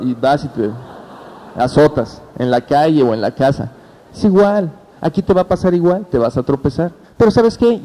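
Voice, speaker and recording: Lively Mexican man giving a motivational training. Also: fairly high pitch, low-quality recording. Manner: animated storytelling, addresses the audience directly and acts out phone calls. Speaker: business opportunity trainer.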